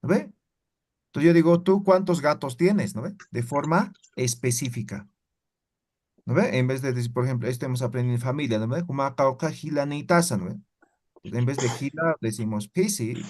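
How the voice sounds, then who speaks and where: A man's voice: mid-range voice, moderate pace, darkish tone. A man teaching a language class, explaining step by step and checking in with his students again and again. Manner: explains patiently, keeps checking with "¿no ve?".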